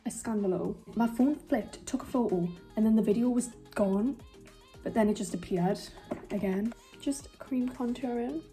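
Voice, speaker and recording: A woman's voice: a little high, normal speed, mellow, soft background music. A young woman with a Geordie accent chatting in a rambling, self-mocking way while doing her makeup for a vlog. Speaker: beauty vlogger.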